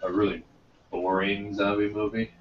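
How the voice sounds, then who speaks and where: A man's voice: fairly low pitch, level tone, normal speed, slight background noise. Joking man at a game table. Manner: joking, laughing often. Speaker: player. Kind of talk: casual tabletop game banter. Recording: distant roomy lo-fi recording.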